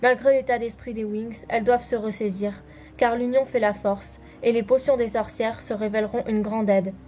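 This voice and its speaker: High-voiced woman narrating a preview. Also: steady tone, normal speed, dark tone. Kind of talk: scripted narration, episode preview.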